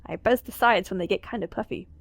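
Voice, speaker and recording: A woman reading as a dull, quiet teenage boy. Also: mid-range voice, fast talker, gravelly, no echo. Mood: flat. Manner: flat, terse.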